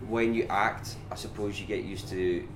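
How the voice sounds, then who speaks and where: A Scottish man with a voice on the low side, at a moderate pace, represents a whisky brand in an interview. He's lively and conversational, uses "like" a lot, and there's noise in the background.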